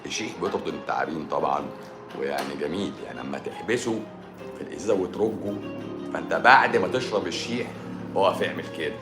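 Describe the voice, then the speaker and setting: Low-voiced Egyptian man, joking and mocking. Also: fast. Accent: Egyptian Arabic. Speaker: host of a live stream. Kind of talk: casual live-stream chat answering viewer questions. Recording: roomy echo with music behind.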